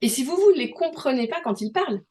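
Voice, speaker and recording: A woman's voice: high-pitched, expressive, quick pace, dark tone. A young French woman co-hosting a podcast, giving casual advice in a chatty way with many fillers and restarts. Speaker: podcast co-host.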